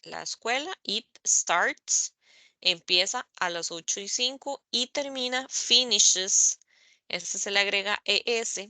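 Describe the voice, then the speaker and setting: A woman teaching English grammar in an online class, speaking slowly and carefully, spelling out letters and repeating examples. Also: mid-range voice, pushed and bright, dry recording. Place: online meeting recording.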